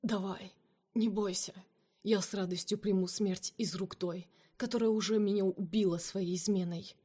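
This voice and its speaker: A woman's voice: medium pitch, fairly even intonation, moderate pace, dark tone, slightly rough, close to an everyday voice. A woman voicing a bitter, jealous man who speaks in a cold, cutting way. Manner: cold, cutting, at times hissed.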